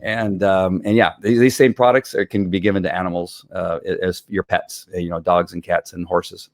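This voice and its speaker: A man's voice: deep voice, little pitch movement, moderate pace, no room sound, clean studio sound. A middle-aged man chatting as an interview guest, enthusiastic and rambling with many fillers. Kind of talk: casual interview chat.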